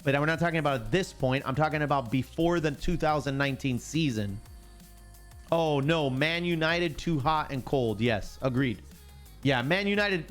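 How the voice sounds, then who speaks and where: A man hosting a casual live sports stream, chatting and joking with viewers and reading chat aloud. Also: a little high. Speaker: livestream sports show host.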